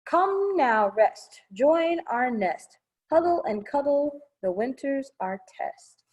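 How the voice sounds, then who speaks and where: At a public library storytime, a woman reads a children's picture book aloud in a playful, sing-song way, adding simple asides that explain things to the kids. Her voice is high, expressive and a little mellow, delivered at a slow pace. The recording is muffled.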